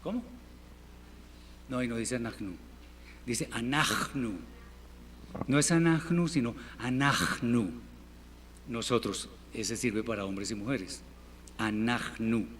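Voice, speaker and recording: A man teaching a Hebrew class in Spanish, patiently repeating words slowly for his students. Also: medium pitch, fairly even intonation. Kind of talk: classroom language lesson. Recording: reverberant hall, faint room noise.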